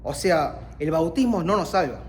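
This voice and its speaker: Argentine male preacher, earnest and emphatic, voice on the higher side. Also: animated, moderate pace, a little mellow, a little hiss or hum. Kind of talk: sermon.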